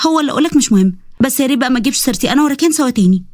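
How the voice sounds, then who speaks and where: A woman voicing a sharp-tongued, feisty young woman with an Egyptian accent, firing off bossy, snappy retorts. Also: high-pitched, expressive, racing, no echo, clean studio sound.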